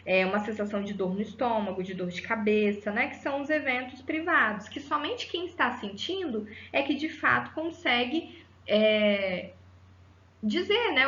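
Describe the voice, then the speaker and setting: A woman with a fairly high voice talks through a psychology lecture in a didactic way, often checking in with the listener through rhetorical tags. The room sounds echoey, and the audio is slightly dull, with a faint hiss behind her. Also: a bit bright. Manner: didactic, frequent rhetorical tag "né?" and fillers. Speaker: psychology teacher. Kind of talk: explanatory lecture.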